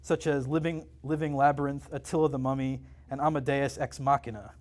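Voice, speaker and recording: A man, the author, reading his own novel aloud at a live event in a comic and game shop, narrating with lively drama. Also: medium pitch, brisk.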